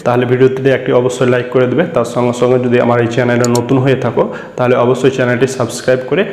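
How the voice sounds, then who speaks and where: In an echoey room, a man teaches a beginners' reading class, patiently spelling out syllables letter by letter and repeating them. His medium-pitched voice is monotone, rapid-fire and somewhat dark, with a little hiss or hum.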